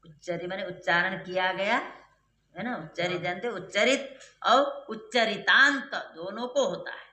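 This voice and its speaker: Teacher, bright and clear, patient step-by-step explainer who keeps quizzing the class; echoey room. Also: medium pitch, moderate pace. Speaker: Sanskrit grammar teacher. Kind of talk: classroom lecture.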